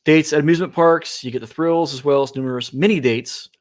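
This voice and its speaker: A man co-hosting a casual podcast chat, reading out listener points with relaxed asides. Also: fairly high pitch, a little fast. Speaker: podcast co-host.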